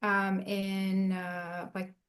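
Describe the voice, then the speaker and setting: A woman's voice: medium pitch, completely flat delivery, extremely slow. Reflective woman chaplain. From Southern California. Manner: reflective, earnest storytelling. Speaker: chaplain, guest. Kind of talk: casual interview talk.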